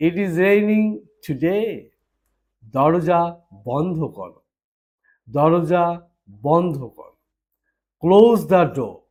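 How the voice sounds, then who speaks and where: A man teaching spoken English, saying each short sentence twice in Bengali and then in English, in slow deliberate chunks. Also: a little high, animated, a little mellow. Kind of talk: slow repeated phrase drill.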